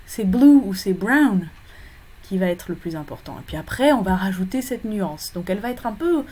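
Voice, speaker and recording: A woman's voice: medium pitch, animated, moderate pace, dark tone, slightly rough. A woman teaching English phonology in a recorded lecture for exam preparation, explaining step by step with frequent fillers and self-corrections.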